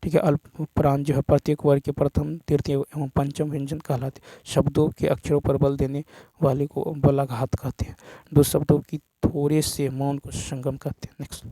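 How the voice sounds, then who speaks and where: A man teaching an exam paper walkthrough, reading each question and answer option, then explaining the rule in a steady, explanatory way. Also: medium pitch, normal speed, no echo. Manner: steady explanatory delivery, repeats answers with "ठीक है" and "next".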